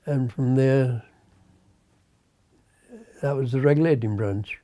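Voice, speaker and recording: A hundred-year-old British man, a navy veteran, remembering his service in a halting, unscripted way, searching for words and trailing off. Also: medium pitch. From Britain. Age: 100.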